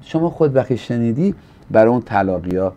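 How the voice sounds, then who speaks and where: A man's voice: mid-range voice, animated, dark tone. A pastor from Iran, a man, earnestly teaching on a studio talk show in a preacherly way. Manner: earnest and preacherly, acting out quoted people with a livelier voice.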